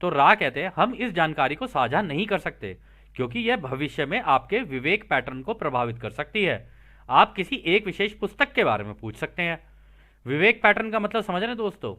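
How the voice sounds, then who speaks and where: A very animated man with a fairly high, pushed and bright voice talks a little fast as he hosts an explainer. He reads from a translated text, pausing to explain it casually and addressing listeners directly with frequent check-in tags.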